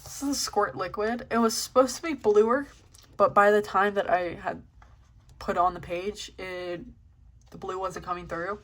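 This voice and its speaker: A woman's voice: mid-range voice, steady tone, a little slow, fairly bright tone. A young woman hosting her first vlog, flipping through a journal in a casual, hesitant way with lots of ums. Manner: hesitant, many ums, self-deprecating. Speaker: channel host.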